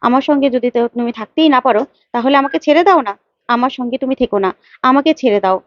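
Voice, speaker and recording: Brief: a woman doing a sulky, quarrelsome young wife, high voice, dull lo-fi sound. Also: fast talker, dry recording, lightly acted. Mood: defiant. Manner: indignant, repeats herself, pleading to her mother. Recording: dull lo-fi, dry.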